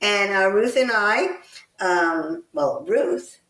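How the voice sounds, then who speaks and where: A woman from Texas co-hosting a local politics podcast, talking in a deliberate, pointed way with some sarcastic criticism. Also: medium pitch, expressive, fairly bright tone, far from the mic. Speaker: podcast co-host. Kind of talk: casual political commentary. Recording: roomy sound, set back from the mic.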